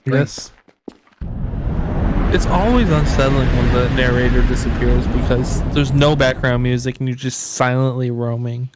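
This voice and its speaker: Conversational male game co-commentator, medium pitch. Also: fairly even intonation, a little slow, heavy background noise. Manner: informative, conversational. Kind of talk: casual explanatory gameplay chat.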